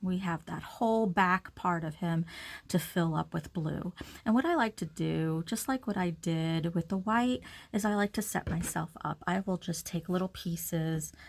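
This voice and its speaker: Talking informally through every action, a woman leads a casual step-by-step craft demonstration as an instructor. She speaks at a measured pace in a creaky voice on the low side.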